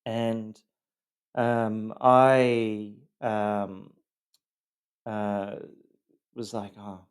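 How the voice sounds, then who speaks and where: Halting, low-voiced man telling his story. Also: a little mellow. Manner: halting, with many pauses and "um" fillers; earnest, explaining. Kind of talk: loosely scripted personal vlog.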